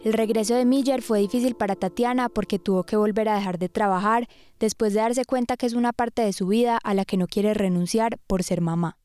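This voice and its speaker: Mellow female documentary narrator, soft music. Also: mid-range voice, fairly even intonation, brisk, dry recording.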